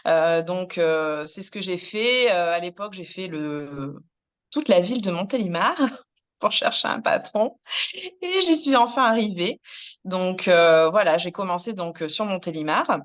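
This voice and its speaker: Low, smooth-voiced woman telling her story. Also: animated, unhurried, dull audio. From France. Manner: many fillers and restarts, soft laughs. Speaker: hairdresser and business founder, interviewee. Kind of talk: hesitant personal storytelling.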